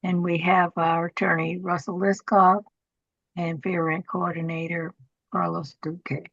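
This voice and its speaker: A husky-voiced woman leads a formal meeting as chair, taking her time in a halting, procedural manner. Her voice is low and full of fry. The sound is dull and lo-fi, as on an online call. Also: level tone, dry recording. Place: video call.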